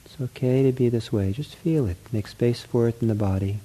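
Very mellow, gentle man guiding meditation. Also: mid-range voice, low-quality recording. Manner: gentle, accepting, counselor-like reassurance; unhurried, spoken in short spaced phrases. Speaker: meditation teacher leading a guided sitting. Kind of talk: guided mindfulness meditation.

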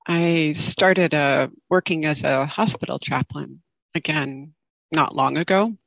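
A woman speaks slowly as a meditation teacher, in a close, dry recording. Her delivery is gentle and reflective, with a halting, informal flow as she addresses her group. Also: low-pitched, vocal fry, no echo, lo-fi sound. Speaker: meditation teacher giving a talk. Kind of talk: informal dharma talk. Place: online group video call.

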